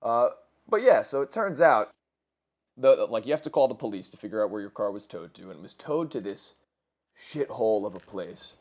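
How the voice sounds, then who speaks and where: A man in his twenties commentates over gameplay, telling crude, rambling stories laced with swearing and self-corrections. His voice is fairly low, with big pitch swings, and his pace is normal.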